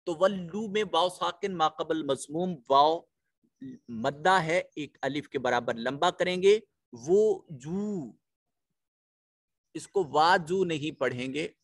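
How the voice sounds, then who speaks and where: A Pakistani-accented man teaches a Quran lesson, and his voice sits fairly high for a man. He works through the verses at a very unhurried pace and explains each pronunciation rule step by step. The recording is close and dry, with no room sound. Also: fairly bright tone, dry recording. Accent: Pakistani Urdu. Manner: slow, drawn-out chanted recitation; methodical explaining of pronunciation rules. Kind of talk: Quran recitation and tajweed lesson.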